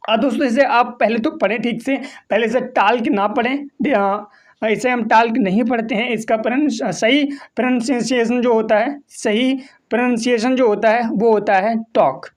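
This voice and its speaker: A man teaching English vocabulary, explaining slowly and patiently, repeating and spelling out each word. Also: very high-pitched, fairly even intonation. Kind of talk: vocabulary lesson.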